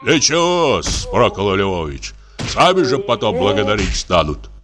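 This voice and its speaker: A man doing a bullying rough barber. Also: fairly low pitch, sing-song, unhurried, music in the background. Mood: menacing. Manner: gruff, menacing barking. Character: rough shabby male barber, bullying and threatening.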